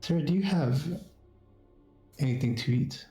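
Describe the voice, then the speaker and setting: A man voicing an unseen hungry beggar woman in a slow, dark whisper for a tabletop game. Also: on the high side, echoey room, soft background music, natural voice. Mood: eerie pleading. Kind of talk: tabletop role-play.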